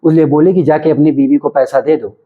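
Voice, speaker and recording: A man's voice: fairly high pitch, steady tone, brisk. Scolding man, lo-fi home video. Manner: scolding, lecturing tone. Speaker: husband in a family comedy sketch. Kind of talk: scripted family comedy skit. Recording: dull lo-fi home video sound.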